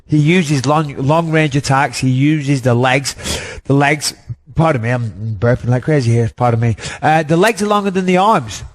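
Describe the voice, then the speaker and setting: A man's voice: mid-range voice, moderate pace, few pauses. A man in his thirties, a former fighter co-hosting a podcast, talking bluntly and emphatically in casual chat and swearing now and then.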